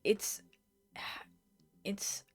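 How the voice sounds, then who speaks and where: Stretching out her words in a darkish voice, a woman paints live and makes easy conversation with viewers. She laughs at what chat says and often murmurs to herself under her breath, with soft music behind her.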